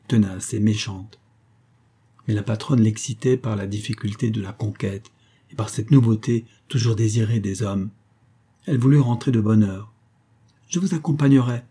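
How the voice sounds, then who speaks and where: A man calmly narrating a classic novel as an audiobook, lifting his voice for the characters' lines. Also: breathy edge. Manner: calm, measured reading, voicing dialogue with lifts of pitch. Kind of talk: literary audiobook reading.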